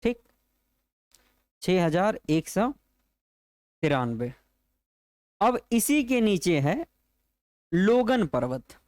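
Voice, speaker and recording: A man's voice: sits high, sing-song, darkish tone, dry recording. A male teacher giving an exam-prep geography lesson, repeating each point and turning it into a question for his students. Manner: slow, repetitive explaining.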